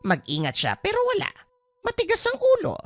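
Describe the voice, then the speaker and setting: A woman's voice: huge pitch swings, a little fast, heavily acted. A woman voicing a stern old grandmother, a former witch, in a dramatized horror story. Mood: grave, stern. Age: older. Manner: stern, sweeping swings of pitch.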